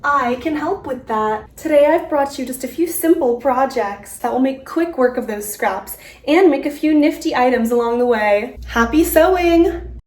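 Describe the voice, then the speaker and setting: A woman putting on a transatlantic accent to play a polished infomercial host, delivering an upbeat sales pitch. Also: animated, normal speed, darkish tone, reverberant, distant mic. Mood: chirpy, salesy. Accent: put-on transatlantic. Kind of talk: mock infomercial intro.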